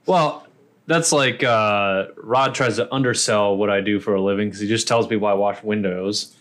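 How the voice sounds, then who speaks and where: A man's voice: lowish voice, moderate pace, a bit bright. A man co-hosting a podcast in casual banter, teasing his friends and laughing often. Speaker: podcast co-host.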